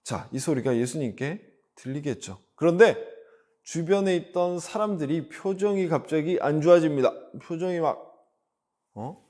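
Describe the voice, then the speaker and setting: A man preaching a children's sermon, telling the story in an animated way and asking the kids questions. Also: fairly high pitch, normal speed.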